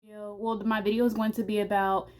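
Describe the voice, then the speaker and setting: A woman's voice: mid-range voice, little pitch movement, brisk, noisy background. A young woman in a casual book review vlog, chatty and rambling, with many fillers and restarts, a little out of breath. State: slightly out of breath. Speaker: book vlogger.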